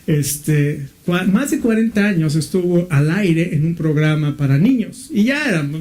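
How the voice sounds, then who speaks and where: A middle-aged man from Mexico preaching a sermon as pastor, often asking his listeners questions and filling pauses with "este". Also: on the high side, expressive, darkish tone. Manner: asks the listeners questions, uses fillers like "este".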